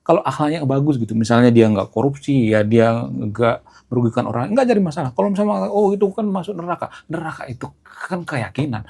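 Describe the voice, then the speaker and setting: A man in a casual, opinionated monologue to his viewers, rambling through long lists with lively jumps in tone. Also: medium pitch, vocal fry, slightly rough. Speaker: YouTube commentator.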